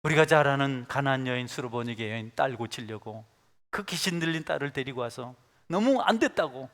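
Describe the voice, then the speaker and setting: A male pastor preaching a sermon, moving between hushed, intimate asides and loud, emphatic passages. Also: mid-range voice, animated, brisk. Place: large church sanctuary. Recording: church service with long hall reverb.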